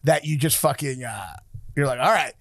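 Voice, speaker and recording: A man hosting a podcast, chatting casually in animated, jokey rants with plenty of swearing. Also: mid-range voice, normal speed, vocal fry, no room sound. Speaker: podcast host. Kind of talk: casual chat.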